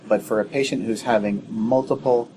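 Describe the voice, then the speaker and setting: A man, an emergency physician, explaining clinical management in a measured, teaching way on a podcast. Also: mid-range voice, steady tone, background noise.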